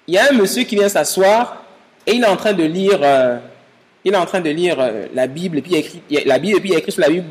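A man's voice: fairly high pitch, in a large hall. A man from Gabon preaching a sermon as pastor, speaking straight to his listeners with rising emphasis.

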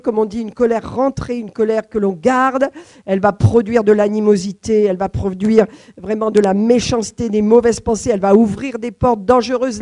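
A woman's voice: fairly high pitch, a little mellow. A woman delivers a sermon with firm emphasis, returning again and again to the same scripture line. She turns to the congregation with questions as she goes. Her voice sounds dry and close, with no room echo. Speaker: preacher.

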